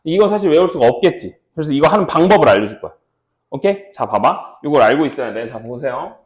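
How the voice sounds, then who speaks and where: A male math teacher with a high, very lively voice, explaining each step and constantly asking students if they follow. He is recorded in an echoey classroom. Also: fast talker. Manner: checks in often with students, repeats steps. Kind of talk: classroom lecture.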